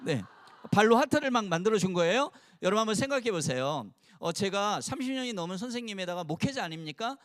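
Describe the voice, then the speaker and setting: Casting: man in his 60s, pastor, fairly high and very animated voice, playful and engaging with the crowd. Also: fast talker, hardly any pauses. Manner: animated, playful, has the audience repeat phrases. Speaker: pastor and longtime teacher. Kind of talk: sermon to a mothers' gathering. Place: church, before a live audience.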